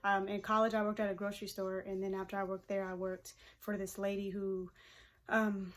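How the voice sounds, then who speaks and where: A woman's voice: medium pitch, a little fast. A woman in her twenties, a hairstylist, chatting casually and laughing easily while she does her makeup on camera. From Pacific Northwest of the US. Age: 20s. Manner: relaxed and chatty, laughs often, lots of fillers. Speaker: hairstylist and vlogger.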